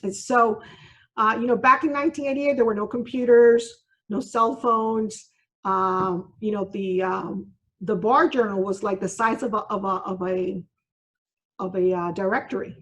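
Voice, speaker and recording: A woman's voice: mid-range voice, steady tone, moderate pace, fairly bright tone, low-quality recording. A woman in her sixties, originally from Cuba, answering interview questions as a judge in an earnest, reflective way, with frequent ums and you-knows.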